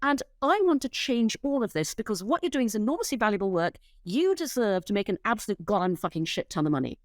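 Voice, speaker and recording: A middle-aged woman speaking as an interview guest, emphatic and blunt, swearing freely and restarting her sentences as she pitches ideas. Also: sing-song, fast, no room sound. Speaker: interview guest, company founder. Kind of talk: animated interview talk.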